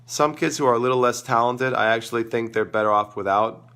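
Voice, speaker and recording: With a sharp tone at medium pitch, a tennis coach speaks fairly quickly while hosting a live-stream Q&A. His sore throat makes him crackly and gravelly, and he's losing his voice, though he keeps rambling enthusiastically and thinking aloud.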